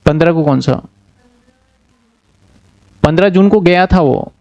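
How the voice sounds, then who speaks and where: A man's voice: fairly high pitch, measured pace, creaky, darkish tone, dry recording, muffled recording. Male tutor with a dry, close voice. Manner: explains step by step, checks with students often. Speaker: commerce tutor. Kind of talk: online class lecture.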